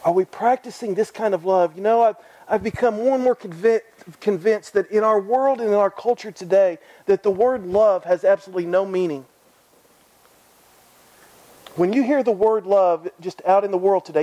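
A man's voice: high voice, normal speed, mellow, dull audio. A man preaching a sermon in an earnest way, repeating phrases and asking his listeners direct questions.

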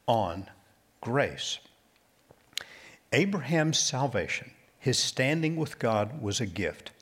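A male pastor delivers a sermon at an unhurried, measured pace. His voice has a slightly husky, breathy edge. He often sinks to a soft, low near-whisper to stress a point. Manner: slow, deliberate preaching with quiet emphatic drops.

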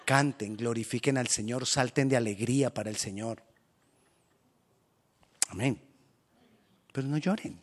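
A man preaching a sermon as pastor, animated and acting out quoted voices. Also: medium pitch, a little slow, long pauses.

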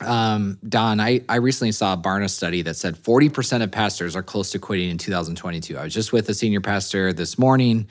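A man's voice: fairly low pitch, fast talker, few pauses. A man hosting a casual podcast interview, affirming his guests with short interjections. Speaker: podcast host.

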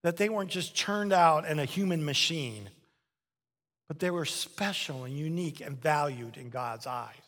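A man preaching a sermon as a pastor, animated and emphatic, repeating phrases to drive them home. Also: fairly high pitch, normal speed. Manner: animated, acts out little dialogues, repeats for emphasis. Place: church sanctuary. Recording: long reverb of a large hall.

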